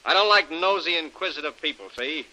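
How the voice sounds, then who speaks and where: A menacing tough-talking villain. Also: male voice, a little high, brisk, bright, forceful tone, rough recording. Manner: tough-guy slang, threatening. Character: menacing adult male villain, cold bully. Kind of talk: 1930s radio drama acting.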